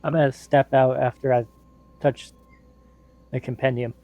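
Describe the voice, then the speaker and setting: A man playing a tabletop game over an online call, his audio breaking up and dropping out, loudly insisting on a warning to another player. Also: medium pitch, flat delivery, normal speed, highs cut off. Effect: choppy online call audio, voice breaking up.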